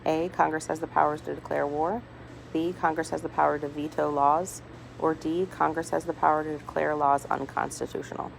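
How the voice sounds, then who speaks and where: Low, creaky woman reading in hospital room. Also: flat delivery. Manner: deliberate, item-by-item reading with small stumbles. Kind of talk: reading multiple-choice test questions aloud. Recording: noisy hospital room with background chatter. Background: people talking, ambient noise.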